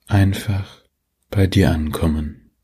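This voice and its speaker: Low husky guy, soft soothing sleep meditation narrator, takes his time. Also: fairly even intonation. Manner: soothing, gentle, unhurried, with long pauses. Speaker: meditation guide, host.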